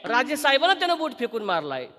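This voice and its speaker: An alarmed royal minister shouts for the guards, as a preacher puts him on in a very high, bright voice. The sound rings through a reverberant hall. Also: male voice, wildly swooping pitch, fast talker, heavily acted. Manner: loud and urgent.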